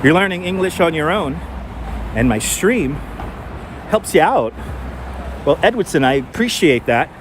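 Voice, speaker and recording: On a casual outdoor live stream through city streets, a New York City man with a mild accent speaks animatedly in a higher voice, a little slowly and with many pauses. He thinks aloud to viewers, full of fillers and restarts, using a wireless clip-on mic as faint street traffic passes.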